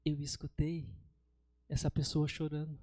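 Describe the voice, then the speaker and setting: A man with a Brazilian accent preaches a church sermon, telling stories and often addressing his listeners as brothers. His voice is a little high and warm, his tone level and his pace unhurried, with no echo.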